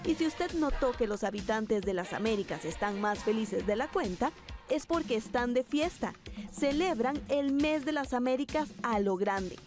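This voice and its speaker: A woman's voice: a little high, moderate pace. Woman's news voice-over. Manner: smooth, steady voice-over delivery. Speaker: TV reporter narrator. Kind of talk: scripted news narration. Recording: voice-over with music bed.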